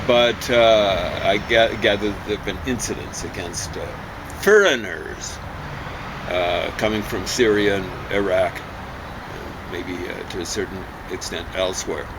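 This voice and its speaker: A man giving a rambling opinion monologue on current events, emphatic and opinionated, with halting asides. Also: deep voice. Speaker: vlogger. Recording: steady ambient background noise.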